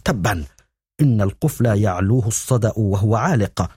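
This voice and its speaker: A man voicing a grumbling boy thief who curses and speaks in a low voice; an audiobook reading. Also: lively intonation, a little fast, warm tone, breathy edge, no echo, clean studio sound. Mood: annoyed.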